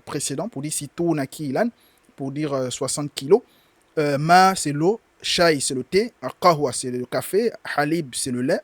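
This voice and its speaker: A man's voice: fairly high pitch, no room sound. A man teaching a language class, patiently repeating words and drilling verb conjugations aloud, switching between explanations and careful pronunciation. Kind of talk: live class lesson explaining dialogue and vocabulary.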